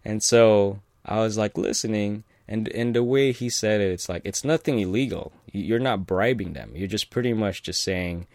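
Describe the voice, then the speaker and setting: A man with a very low voice tells an anecdote in a relaxed, rambling way, full of fillers and little chuckles. The sound is dry and close, with no room around it. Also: moderate pace, few pauses, no room sound. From California. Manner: rambling, many fillers and restarts, chuckles often. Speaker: storyteller. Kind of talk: casual personal anecdote.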